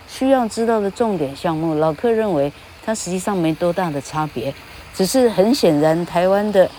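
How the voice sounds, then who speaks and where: A woman's voice: mid-range voice, a little mellow, a little hiss or hum. An older woman, a retired English teacher giving a casual spoken monologue, speaking of herself in the third person and tagging her phrases with little "ha" sounds.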